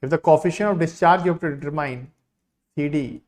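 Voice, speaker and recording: A man with an Indian accent, an online teacher, giving an insistent, repetitive sales pitch to his live class. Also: fairly quick, a little mellow. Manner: insistent sales pitch, repeating key phrases.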